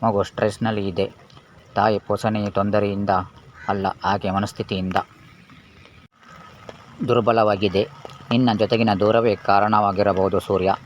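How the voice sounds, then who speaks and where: A man voicing a young mother who is loving and anxious, reading her lines slowly and tenderly. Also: fairly low pitch, little pitch movement, close to an everyday voice. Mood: worried. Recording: dull lo-fi with faint hiss.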